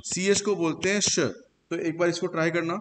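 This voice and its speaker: A man's voice: on the high side, little pitch movement, brisk, a bit bright. A man teaching a French pronunciation class in a classroom, explaining rules step by step and praising his students. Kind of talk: classroom lesson with slides. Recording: long reverb, faint hiss.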